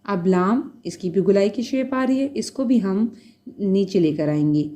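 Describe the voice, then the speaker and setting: A woman's voice: medium pitch, lively intonation, a little slow, dark tone. A woman teacher giving a patient beginner lesson, naming letters one at a time and checking in often. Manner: spells out letters one by one, checks in with "theek hai". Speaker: Urdu teacher.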